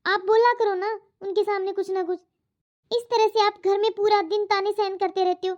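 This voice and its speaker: A woman's voice: very high voice, steady tone, normal speed. A woman voicing an outspoken, spirited young unmarried daughter in a cartoon, arguing and protesting. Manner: protesting, argumentative. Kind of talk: cartoon voice acting. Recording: dull lo-fi audio.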